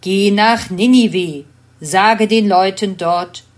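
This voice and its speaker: A woman voicing God in a children's storybook reading, with a slow, solemn delivery. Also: medium pitch, lightly acted. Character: God, a stern but forgiving divine voice.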